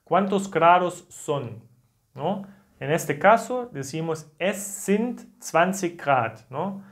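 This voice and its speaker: Slow German man teaching a language. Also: on the high side, lively intonation. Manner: explains slowly, often adds a tag question at the end. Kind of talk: language lesson.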